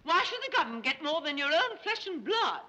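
A woman's voice: extremely high pitch, sing-song, a little fast, sharp tone, full character voice, poor audio. An actress playing a flighty, scatterbrained society mother in a 1930s screwball film, with a fluttery, dithering way of talking. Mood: airy, fluttery.

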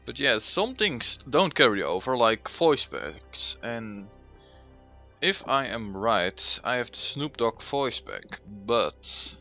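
A man's voice: medium pitch, sing-song, takes it slowly, pushed and bright. A man giving casual gameplay commentary as the host, plain-spoken and given to mild swearing. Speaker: gaming host. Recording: dull, band-limited mic over music.

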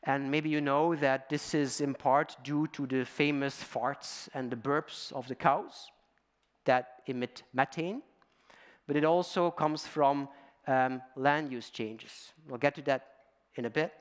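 A middle-aged Belgian guest speaker tells stories at a conference in a large auditorium, addressing the audience with fillers. His mid-range voice stays steady, and he speaks slowly.

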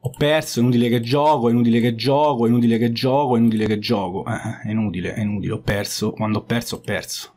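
A man's voice: medium pitch, fairly even intonation, very fast, few pauses, darkish tone, soft background music. A man commenting on his own mobile game match, swearing often and repeating phrases in frustration. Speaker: gaming YouTuber. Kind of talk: live gameplay commentary.

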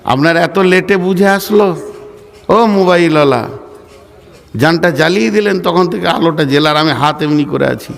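A middle-aged man preaching a Bengali waz sermon at a staged gathering, passionately swinging between sung chanting and sharp scolding asides. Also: a little high, brisk, creaky, long reverb tail. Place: outdoor religious gathering with a stage, loud hall-like echo.

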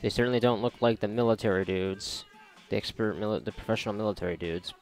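With game music and sounds in the background, a man rambles casually about his play, sarcastic and swearing freely. His voice is fairly low, a little mellow, and quick.

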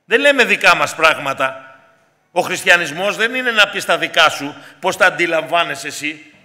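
A man's voice: a little high, lively intonation, pushed and bright. A man preaching a sermon in an earnest way, often calling out to his congregation as dear brothers and sisters. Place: church hall. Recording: long hall reverb.

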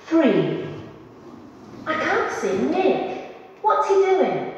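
A woman's voice: high-pitched, huge pitch swings, extremely slow, heavily acted. A woman in a scripted listening-test dialogue who asks curious questions about a picture. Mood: questioning. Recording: dull, echoey, far from the mic, faint noise.

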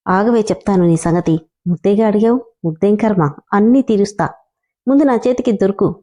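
A woman's voice: mid-range voice, fairly quick, dark tone, lightly acted. A woman voicing an irritated young husband who scolds and mocks his wife. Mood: scolding. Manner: gruff, scolding.

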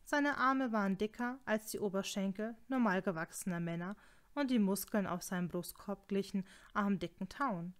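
A woman's voice: medium pitch, normal speed. Woman narrating an audiobook. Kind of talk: scripted narration.

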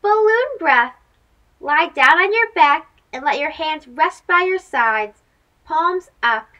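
A young woman who hosts a read-aloud show for kids is reading a picture book aloud, animated and taking it slowly. Her pitch is strikingly high and moves widely, and her sing-song voice has a bright, clear edge. The recording is muffled.

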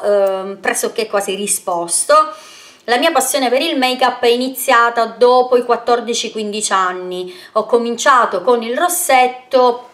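A woman's voice: fairly high pitch, fairly bright tone. A woman beauty vlogger answering viewer questions in a casual Q&A video, chatty and rambling, sending kisses and pet names to her followers. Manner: rambling with frequent fillers and self-corrections.

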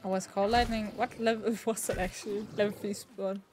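A woman streaming a game, chatting casually, excitable and swearing freely as she reads game text aloud. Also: medium pitch, a little fast. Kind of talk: casual gaming chat. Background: faint game music.

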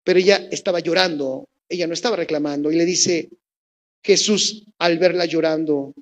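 A woman with a Mexican accent preaching a sermon, telling the story in a lively way and asking the congregation questions. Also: sits low.

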